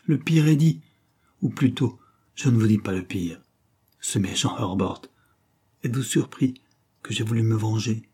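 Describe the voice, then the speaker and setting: A man's voice: on the low side, unhurried, pauses often, mellow, slightly rough. A man voicing a distraught, vehement dying woman. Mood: agitated, anguished. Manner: vehement, breaks into angry outbursts. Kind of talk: audiobook character reading.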